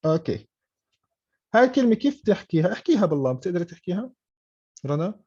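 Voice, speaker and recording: A man with a high-sitting, slightly rough, warm voice explains things in an online English class at a quick, very animated pace. He switches between English and Arabic and keeps checking in with "okay?" The lo-fi call audio sounds dull and muffled.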